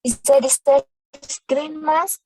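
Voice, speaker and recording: A woman's voice: sits high, fairly even intonation, takes it slowly, a little mellow, no echo. A woman presenting in an online meeting, her voice breaking up over a bad internet connection, hesitant with fillers. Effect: broken-up, choppy internet call audio. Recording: distant, choppy video call audio.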